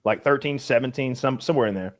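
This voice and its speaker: A man in his thirties co-hosts a podcast of casual comedic chat, telling stories animatedly and laughing a lot. His voice sits at medium pitch and moves fast.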